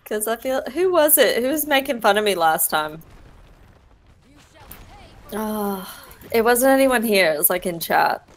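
A woman's voice: medium pitch, animated, a little slow, long pauses. A woman chatting casually and jokingly while playing a game with friends on a headset. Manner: playful, joking. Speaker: gamer in a group stream. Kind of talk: casual gaming chat.

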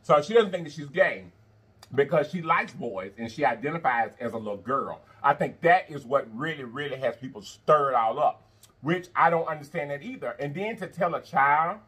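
A man in his thirties with a husky voice, chatting casually as he hosts an eating show. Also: on the high side, animated, normal speed, a bit bright. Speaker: mukbang show host. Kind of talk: casual chat while eating. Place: indoor studio, seated at a table of food.

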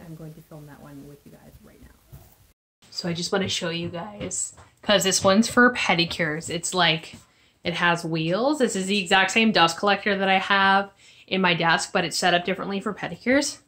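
A woman's voice: lowish voice, bright, forceful tone, slight background noise, low-quality recording. A woman in her thirties chatting upbeat through a casual how-to vlog, filmed at arm's length. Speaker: vlogger. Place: home room and outdoor deck.

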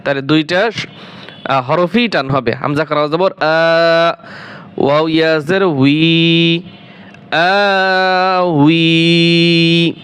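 A man teaching Quran reading in a slow spelled-out lesson, drawing out syllables and then explaining briskly, asking and answering his own questions. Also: on the high side, fairly even intonation, a bit bright, clear, resonant tone.

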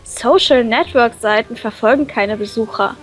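A playful woman with a fairly high voice reads a visual novel expressively at normal speed for a let's play, bantering casually between lines. Game music plays in the background.

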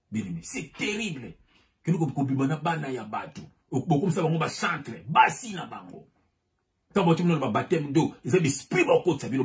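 Fiery preacher man. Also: medium pitch. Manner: fiery, switches between French and Lingala, repeats phrases with rising emphasis. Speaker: pastor. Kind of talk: preaching sermon.

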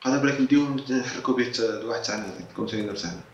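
A man's voice: mid-range voice, very fast, lo-fi sound, noisy background. A young man giving chatty let's-play commentary, mixing in English words from the game. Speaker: gaming YouTuber. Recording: roomy distant mic with game music.

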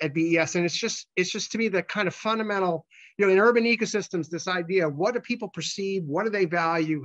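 Halting high-pitched man presenting research. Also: fairly bright tone, dull audio. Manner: halting delivery with repeated words and false starts. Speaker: research scientist presenting a lightning talk. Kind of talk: conversational scientific slide presentation.

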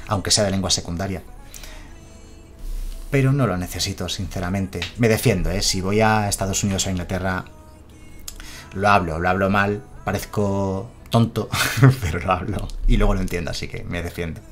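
A man from Spain, chatting casually on a live stream and reading out chat messages. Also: low voice.

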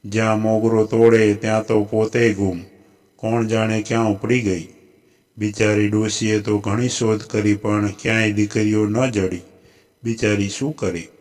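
A man with a Gujarati accent narrating a folk tale in a steady, even storytelling voice. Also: lowish voice, unhurried.

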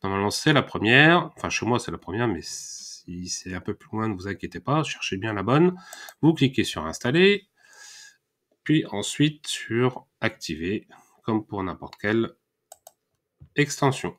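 A man with a fairly low voice walks viewers through a website tutorial in a relaxed, chatty way. He hesitates often, filling pauses and restarting his phrases as he clicks along. He sounds like he is speaking into a desktop microphone over a screen recording. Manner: hesitant, many "euh" fillers and restarts. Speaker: WordPress tutorial host.

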